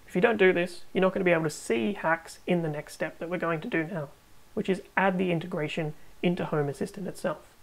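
A woman hosting a tech tutorial, narrating a screen recording with calm, step-by-step instructions. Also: lowish voice, fast, gravelly, rough recording.

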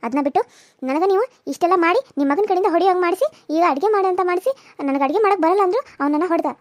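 Cartoon bride voiced by a woman: stubborn, sharp-tongued young wife, very high and rapid, North Karnataka Kannada accent. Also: no echo. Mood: resentful. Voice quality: sharp, quick retorts. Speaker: voice actor. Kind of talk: cartoon serial voice acting.

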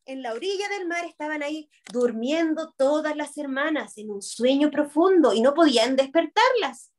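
Expressive kindergarten teacher telling a story. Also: female voice, sits high, normal speed. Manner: expressive, asks children questions. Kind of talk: storytelling in an online class. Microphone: video call.

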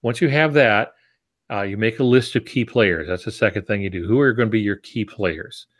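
On a home-office video call with wired earbuds, an American writing teacher and podcast co-host in his sixties speaks at normal speed. His voice is fairly low-pitched and fairly bright, and his teaching is informal, with asides.

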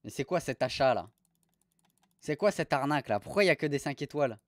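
Young man, streamer, crude and mocking, lively swinging pitch, fairly high voice, dry close mic, keyboard clicks. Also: a little fast, no room sound. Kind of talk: live stream commentary.

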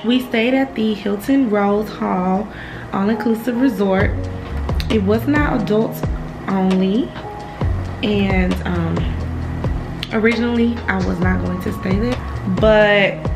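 A woman in her twenties from the United States chatting in a frank, slangy, unhurried way to her travel vlog. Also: medium pitch, music in the background. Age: 20s. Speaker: travel vlogger. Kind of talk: casual vlog chat. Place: hotel bedroom or balcony.

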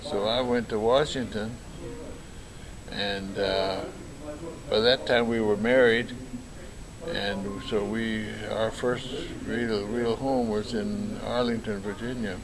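A man in his nineties, born in Japan, telling stories in a halting, rambling way with many fillers and restarts, recorded by a camera across a table in a large lounge. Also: on the low side, fairly even intonation, crowd noise, low-quality recording. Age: 90s. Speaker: interviewee. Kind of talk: casual storytelling. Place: large bright lounge, indoors.

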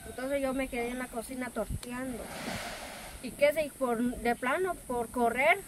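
A high-pitched woman with a Guatemalan Spanish accent talks earnestly in a casual interview. She rambles through her story and acts out what others said to her. Loud rural noise from outdoors runs behind her voice. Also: a little slow.

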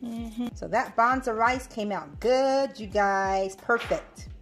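In her kitchen, a woman in her thirties hosts a casual home cooking video, upbeat and chatty, calling her viewers "you guys." Her voice is a little high and slow, with faint music in the background.

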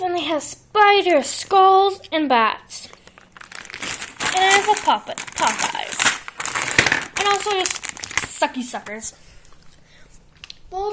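A woman's voice: high voice, fairly bright tone, a little hiss or hum, poor audio. A teenage girl chatting casually and rambling as she shows off a shopping haul, recorded on a webcam at home. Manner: chatty, giggly, rambling with many likes. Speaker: vlogger. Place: living room at home. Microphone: built-in webcam mic.

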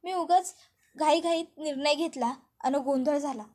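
A regretful young village woman from a TV serial, retold in a recap, as a woman narrator voices her. She speaks in a rural village dialect with a high voice. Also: normal speed, darkish tone, lightly acted. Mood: remorseful.

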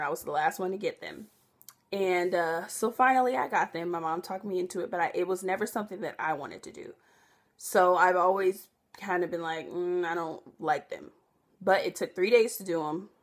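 Chatty young woman, slightly low voice. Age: young adult. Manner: rambling, self-correcting, chatty with many fillers. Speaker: vlogger. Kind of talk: casual chat to camera.

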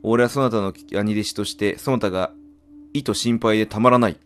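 A man's voice: on the low side, fairly quick, natural voice. A man voicing a stern, protective senior onmyoji in a game, with solemn, archaic, commanding speech. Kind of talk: game dialogue read in character. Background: game music.

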